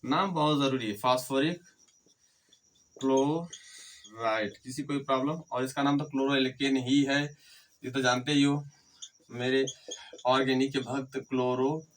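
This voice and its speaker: A man's voice: mid-range voice, little pitch movement, normal speed, far from the mic, a little hiss or hum, poor audio. A man teaching a chemistry lecture. He asks questions and answers them himself, repeats key terms, and speaks to his students fondly and with encouragement. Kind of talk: whiteboard lecture.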